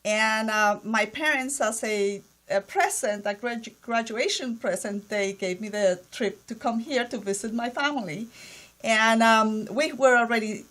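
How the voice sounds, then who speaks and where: A cheerful woman in her forties with a somewhat high voice. She tells her story with giggles at a studio boom-arm mic. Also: a little slow, a bit bright. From Colombia. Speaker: guest, entrepreneur. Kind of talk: casual studio talk show chat. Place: small studio with table mics.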